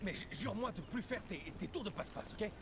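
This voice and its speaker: An actor playing a worried, protective sheriff brother in a video game dub, speaking insistently. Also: male voice, high voice, lively intonation, quick pace, background noise. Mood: urgent, stern. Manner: insistent, urgent. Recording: game dialogue under loud music.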